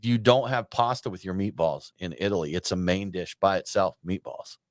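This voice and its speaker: A man's voice: deep voice, moderate pace, dry recording. A man from Georgia co-hosting a casual podcast chat, telling stories and teasing his co-host. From Georgia, USA. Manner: chatty storyteller, teasing.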